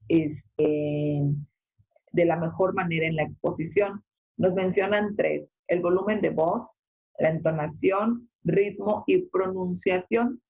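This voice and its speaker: A secondary school teacher gives an online class lecture, explaining step by step and often filling pauses with "este" and checking in with "¿ok?". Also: mid-range voice. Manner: explanatory, frequent filler "este" and check-ins like "¿ok?". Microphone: video call. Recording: muffled video-call audio.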